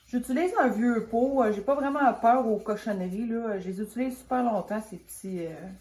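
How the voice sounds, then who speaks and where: Casting: Quebec woman, soft mellow tone, chatty hands-on craft tutorial host with a cold, roomy echoing sound. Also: a little high, moderate pace. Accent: Quebec French. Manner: chatty, rambling, hesitant thinking aloud. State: has a cold. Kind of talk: casual hands-on painting tutorial.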